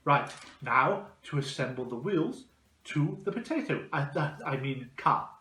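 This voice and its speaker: A man's voice: on the high side, animated, a little slow, sharp tone, slight background noise. A man presenting a children's craft demonstration, explaining it step by step. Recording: echoey room with music.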